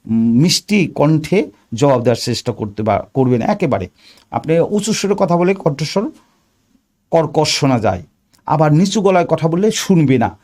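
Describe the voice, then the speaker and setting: Man, exam coach, lively rising and falling voice, emphatic, repeats points, speaks straight to the listener. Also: fairly high pitch, moderate pace. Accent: Bangladeshi Bengali. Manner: repetitive, emphatic, addresses the listener directly. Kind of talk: spoken lesson on viva preparation.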